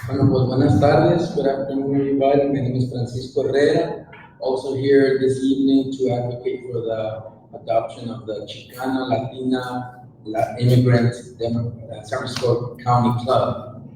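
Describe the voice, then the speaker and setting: A man's voice: mid-range voice, level tone, normal speed, background noise. A man advocating fluently and persuasively in a public comment at a meeting. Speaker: community advocate. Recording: echoey hall from far off.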